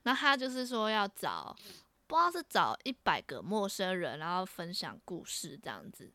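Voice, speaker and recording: A woman's voice: medium pitch, normal speed, dry recording. A young woman from Taiwan, co-hosting a podcast and telling casual stories with many restarts. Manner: animated, laughing often, with many restarts. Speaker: podcast co-host. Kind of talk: casual storytelling chat.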